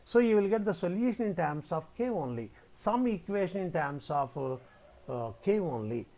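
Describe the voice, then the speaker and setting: A man's voice: high-pitched, sing-song, moderate pace, creaky, mellow. A man giving a spoken tutorial as a lecturer, often repeating his phrases as he explains each step. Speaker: maths lecturer teaching software coding.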